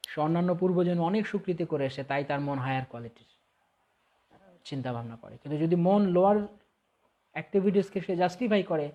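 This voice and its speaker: A man's voice: fairly high pitch, highs cut off. A man with a Bengali accent, a spiritual teacher answering viewer questions in a devotional talk, reading each question aloud and then explaining it with everyday examples.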